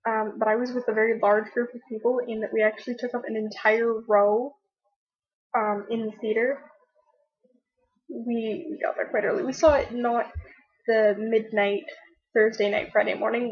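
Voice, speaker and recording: A young woman chats to her laptop webcam at home, rambling and restarting her sentences. Her voice sits a little high with a husky edge. The webcam audio is dull and lo-fi. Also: level tone, moderate pace. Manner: chatty, rambling with many fillers and restarts. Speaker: vlogger. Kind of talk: casual chat to camera. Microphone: laptop webcam mic.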